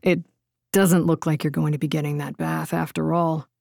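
A woman's voice: low voice, level tone, moderate pace, creaky, darkish tone, dry recording, studio quality. A woman voicing a smug, talkative former soldier in an audiobook.

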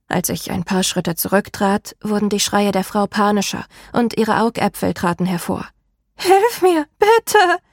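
A woman narrating a first-person horror story in a measured, dramatic way. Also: mid-range voice, a little mellow, no echo, studio quality.

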